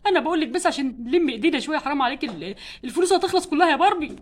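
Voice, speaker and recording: A grumbling, tight-fisted husband doll in a homemade doll play story, complaining about every cost. He speaks with an Egyptian Arabic accent, rattling off words at great speed in a high voice. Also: animated, rapid-fire. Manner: complaining, exasperated about money. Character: stingy grumbling husband doll, adult man.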